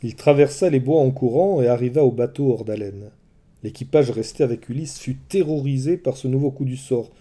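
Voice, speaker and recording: A man telling a mythology story in scripted, expressive narration. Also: medium pitch, a little fast.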